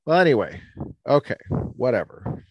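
A man from Colorado co-hosting a casual talk show, talking in a rambling, halting way with many restarts, standing outdoors by the ocean on a cold day. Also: medium pitch, sing-song, slightly rough, highs cut off. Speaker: podcast co-host. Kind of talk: casual chat.

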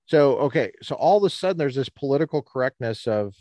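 A man from Colorado co-hosting a casual talk show, talking in a rambling, halting way with many restarts, standing outdoors by the ocean on a cold day. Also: medium pitch, animated, mellow, no echo. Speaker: podcast co-host. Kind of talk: casual chat.

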